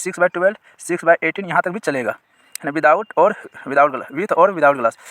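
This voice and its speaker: A man with a fairly high voice takes his viewers through a government job notice clause by clause. He reads each line out at a crawl and then explains it again in simple words. The recording is close and dry, with no room sound. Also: fairly bright tone, no room sound. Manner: asks viewers questions and points them to sections on screen. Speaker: exam-prep teacher.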